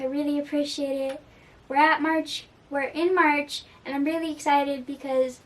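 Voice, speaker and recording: A woman's voice: sits high, distant mic. A young woman talking earnestly about a song in a casual reaction video, with frequent fillers. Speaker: music reaction vlogger.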